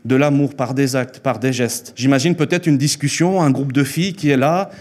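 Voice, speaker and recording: A medium-pitched, slightly mellow voice belongs to a man in his thirties, born in Mexico, whose first language is Spanish. He is giving an earnest sermon into a handheld mic in a church hall, repeating phrases for emphasis and slowing down on the key lines.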